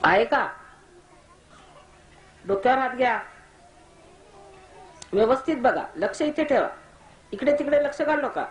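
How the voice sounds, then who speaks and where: A woman's voice: high-pitched, lively intonation, measured pace, pauses often, slight background noise. A woman, a spiritual teacher giving firm, scolding meditation instructions to a gathering. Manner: commanding, scolding. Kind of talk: guided meditation instructions to a crowd. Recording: echoey hall recording.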